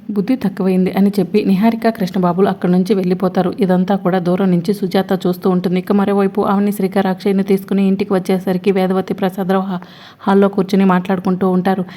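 A woman retells the episodes of a TV serial in steady, scripted narration, tagging each quoted line as she goes. Her voice is mellow and dark in tone, at an ordinary middle pitch. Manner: steady retelling, tags each quote with 'she says' phrases.

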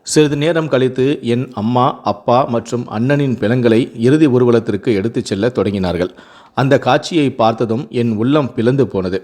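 A man's voice: medium pitch, a little mellow. Man reading a somber story aloud. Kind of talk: scripted first-person story narration.

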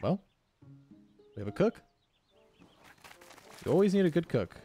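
A man's voice: fairly high pitch, very animated, unhurried, dark tone, faint music behind. A man hosting a gaming video, giving casual, off-the-cuff commentary as he plays. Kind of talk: casual let's-play commentary.

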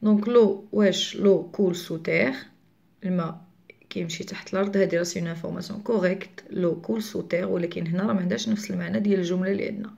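A woman with a Moroccan accent teaching a French lesson to children online, switching to Moroccan Arabic to explain and slowly repeating words for learners. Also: fairly low pitch, steady tone, gravelly, darkish tone, muffled recording.

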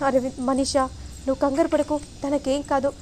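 A woman reading as a scheming middle-aged mother from a television serial, coaxing and urgent. Her voice is high and quick to press. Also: level tone, a little mellow, slight background noise, lightly acted.

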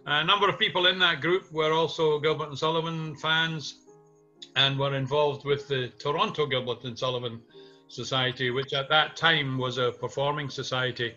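Over a muffled video call picked up by a webcam, an older Scottish man in his 60s or beyond, a community theatre music director, reminisces thoughtfully and hesitantly as an interviewee. His voice is on the high side, steady, pushed and bright, at normal speed. He's in a small room at home, with music running underneath.

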